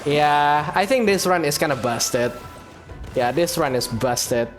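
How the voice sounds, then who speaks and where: A man's voice: a little high, expressive, measured pace. A man giving casual, reactive commentary while playing a game, with game music behind. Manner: chatty, reactive, groans and laughs at the game. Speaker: gaming youtuber.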